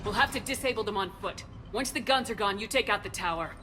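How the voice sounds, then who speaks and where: An actress plays a female military commander in a dramatic game. She is mid-pitched, firm and terse, sounding determined and in charge. Music runs clearly behind the voice. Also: quick pace, bright, forceful tone, lightly acted. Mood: commanding. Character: resolute female military commander, steady and authoritative.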